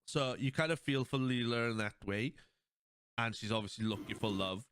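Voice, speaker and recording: A man hosting a podcast, chatting casually and retelling cartoon scenes in a rambling, animated way. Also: mid-range voice, moderate pace, clear, resonant tone, dry recording. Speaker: podcast host. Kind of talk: casual chat.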